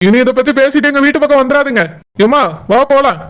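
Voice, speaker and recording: A fussy, offended young groom in a cartoon, voiced by a man. His voice sits very high and he talks fast. His complaints rattle out in quick bursts. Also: a bit bright.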